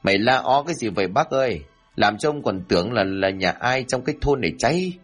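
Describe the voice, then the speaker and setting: A man voicing a stingy, domineering old village landlord in an audiobook story, gruff and threatening. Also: mid-range voice, expressive, brisk, faint music behind. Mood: irritated.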